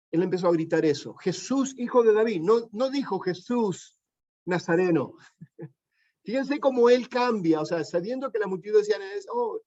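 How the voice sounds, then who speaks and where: A man preaching a sermon, teaching in a plain conversational way with many pauses and restarts, often asking the congregation questions. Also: fairly high pitch, darkish tone, dull audio.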